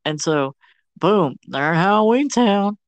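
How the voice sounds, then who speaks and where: Slangy, animated man recapping a movie. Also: high-pitched, unhurried, clear, resonant tone, no echo. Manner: slangy, animated storyteller who acts out characters. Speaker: podcast co-host.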